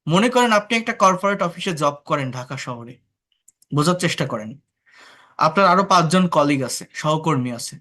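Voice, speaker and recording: A man's voice: fairly high pitch, lively intonation, a little fast, bright, forceful tone. A man from Bangladesh teaching an online English class, explaining patiently, asking the class rhetorical questions and mixing English words into his talk. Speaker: English tutor.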